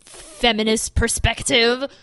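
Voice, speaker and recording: A woman co-hosting a podcast in casual, animated, joking chat. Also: fairly high pitch, slow pace, clear, resonant tone. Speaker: podcast co-host.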